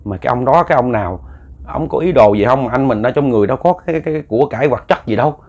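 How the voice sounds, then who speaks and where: A man's voice: medium pitch, expressive, rapid-fire, a little mellow. A man with a Southern Vietnamese accent narrating a ghost story in a folksy, rambling way, often repeating words as he goes.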